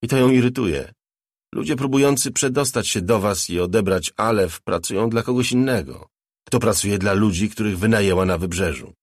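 A man voicing a brash, talkative young ex-hacker in an audiobook, a little louder and brighter than his narration. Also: fairly low pitch, moderate pace, no room sound, clean studio sound. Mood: boastful chatter. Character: cocky young male ex-hacker, chatty and sly.

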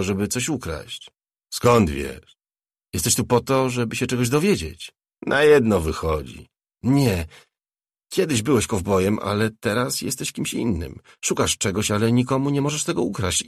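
A man's voice: fairly low pitch, very animated, a little slow, no room sound, clean studio sound, exaggerated voice. A man voicing a strange, insistent male obsessive in an audiobook, earnest and cryptic. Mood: intense earnest.

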